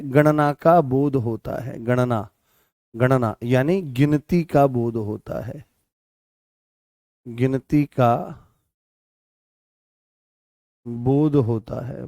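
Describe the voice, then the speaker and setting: A man's voice: mid-range voice, darkish tone, no room sound, clean studio sound. A man teaching a Hindi grammar class, repeating phrases, correcting himself and asking questions he then answers. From Rajasthan. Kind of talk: online exam-prep class.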